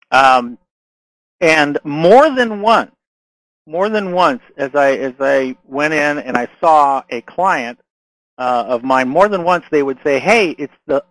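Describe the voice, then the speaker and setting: With a voice that's going, this man, a marketing consultant, delivers an informal marketing lesson to camera, full of restarts and fillers and frequent "right?" and "okay?" check-ins. His voice is on the high side and fairly bright. The recording is dry, and the audio is poor.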